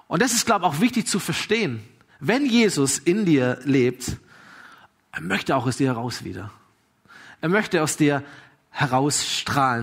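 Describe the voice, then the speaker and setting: Brief: male pastor with a fairly high voice, preaching and storytelling, swings between emphatic and hushed. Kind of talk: sermon with storytelling.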